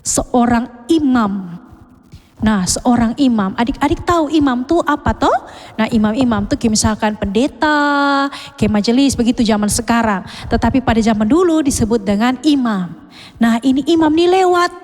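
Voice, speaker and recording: A Sunday school teacher, telling a story to children and asking them questions, with a long hall reverb. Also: female voice, on the high side, normal speed. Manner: lively, questioning the children often.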